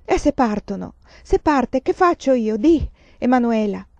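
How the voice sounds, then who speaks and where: A woman reading a storybook voices a desperate young foreign student who pleads and shouts to be let out. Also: a little high, animated, unhurried, no echo, lo-fi sound. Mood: frantic.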